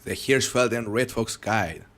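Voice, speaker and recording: Live-streaming a hunting game, a young man with a foreign accent reads chat and talks casually with his viewers. His fairly low voice keeps a measured pace, and his relaxed, chatty commentary rambles with frequent restarts.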